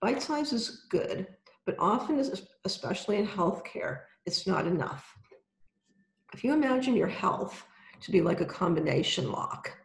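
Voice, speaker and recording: A health coach giving an instructional wellness presentation, speaking deliberately and directly to the listener. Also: medium pitch, expressive, vocal fry. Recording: roomy, echoey sound.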